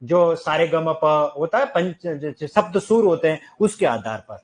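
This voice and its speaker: A man teaching a classroom lecture, lively and questioning, stretching and singing out examples for his students. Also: on the high side, a little slow.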